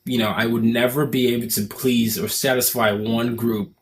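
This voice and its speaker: A man's voice: medium pitch, little pitch movement, normal speed. A man in his twenties from Nigeria with an American accent, talking casually to camera in an earnest, reflective way as a summit speaker. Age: 20s. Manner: earnest, reflective, thinks aloud.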